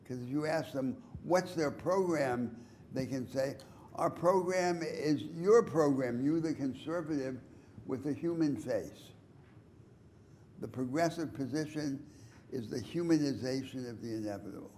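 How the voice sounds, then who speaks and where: A man giving a university lecture in a lecture hall, explaining in a measured, deliberate way with emphatic rises. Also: mid-range voice, a little mellow, a little hiss or hum.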